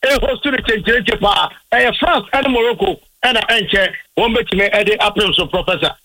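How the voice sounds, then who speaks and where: A man from Ghana reports live for radio from a stadium crowd. His voice sits high and sounds bright and sharp. He keeps a brisk reporting pace, with English phrases slipped into the commentary. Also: no echo, poor audio. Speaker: field reporter.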